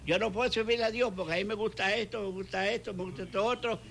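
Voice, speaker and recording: A fast-talking older man, a pastor from Puerto Rico, has a high-pitched, gravelly, slightly bright voice and a Puerto Rican Spanish accent. His talk-show preaching testimony is fervent; he repeats phrases for emphasis and dramatizes the dialogue he quotes.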